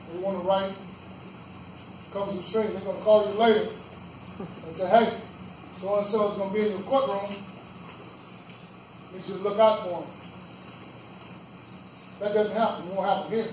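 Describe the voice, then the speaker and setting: A high-pitched man gives a campaign speech in short, earnest phrases. He is picked up from far off in a very echoey roadhouse room, with a faint hum of background noise. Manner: earnest, plain-spoken, pauses in short phrases. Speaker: judicial candidate giving a campaign speech.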